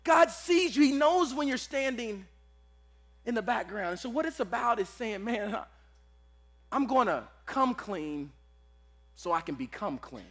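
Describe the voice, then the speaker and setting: A pastor preaching to a live church congregation. He is casual and energetic, and he uses slang and repeats his phrases. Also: very high-pitched, measured pace, long pauses.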